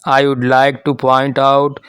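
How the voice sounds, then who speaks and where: A man dictating a formal speech for shorthand practice, reading in measured short phrases as a dictation reader. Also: medium pitch, monotone, fairly bright tone, smooth, dry recording, studio quality.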